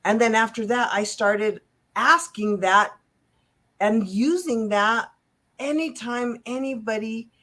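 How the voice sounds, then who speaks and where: A woman hosting a casual interview, talking in an emotional, expressive way and laughing easily. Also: fairly high pitch, takes it slowly. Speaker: host.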